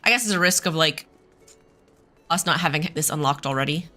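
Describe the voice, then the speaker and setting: Bright-voiced woman commenting on a game. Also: sits low, fairly quick, soft background music. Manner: informal, self-deprecating. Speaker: video game streamer. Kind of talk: casual playthrough commentary.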